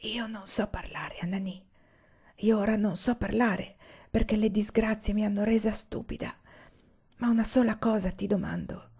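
A woman voicing a desperate young woman who pleads in hushed whispers, as whispered role-play. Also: medium pitch, fairly even intonation, moderate pace, husky. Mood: humble pleading. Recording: dull lo-fi recording.

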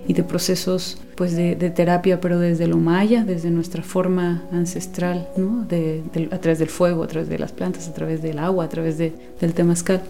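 A woman in her forties from Guatemala, a guest speaking softly in an interview and searching for words with many pauses and restarts. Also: lowish voice, level tone, creaky, music in the background. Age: 40s. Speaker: guest, women's companion and former teacher. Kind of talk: unhurried interview talk.

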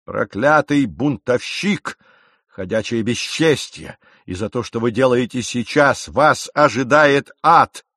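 A man voicing a furious, domineering ship captain who shouts and rages at his crew. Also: on the high side, measured pace, no echo, clean studio sound, voice pushed up. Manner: shouting, raging, commanding.

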